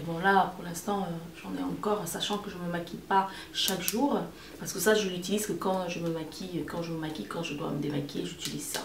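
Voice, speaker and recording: A woman's voice: on the low side, darkish tone. A woman giving a casual product review to camera as a beauty vlogger, repeating words and phrases for emphasis. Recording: roomy echo, distant mic, faint noise.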